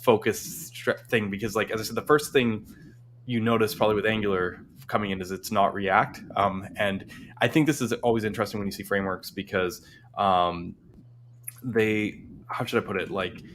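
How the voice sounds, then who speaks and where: Male stream host, lowish voice, casual rambling delivery, faint noise behind. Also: a bit bright. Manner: rambling, many restarts and fillers. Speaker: livestream host. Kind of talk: casual tech chat.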